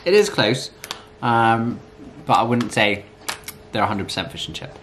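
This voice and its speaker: A man in his thirties giving a casual, halting taste-test review to camera in a room indoors. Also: medium pitch, lively intonation, fairly bright tone. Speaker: snack reviewer. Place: small plain room indoors. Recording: clear background noise with clicks.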